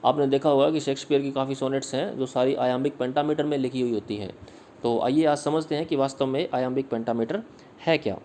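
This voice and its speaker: Man, literature teacher, slide lesson, slow repeated examples, mellow tone. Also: medium pitch, fairly even intonation, a little hiss or hum. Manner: patient, repeats words slowly to model pronunciation; reads English slide text slowly, then explains. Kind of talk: slide-based video lesson.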